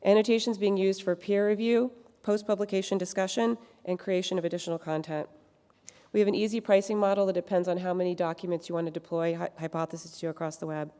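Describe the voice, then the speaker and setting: A woman's voice: steady tone, mellow. Woman losing her voice, conference hall. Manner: brisk promotional pitch, clears throat. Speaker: conference presenter. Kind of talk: lightning talk.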